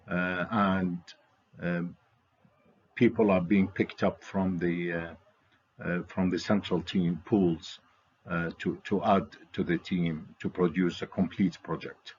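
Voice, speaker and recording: A man giving a slide presentation as a network's presenter, speaking in a halting, hesitant way. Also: low voice, fairly even intonation, breathy edge. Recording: dull, lo-fi audio.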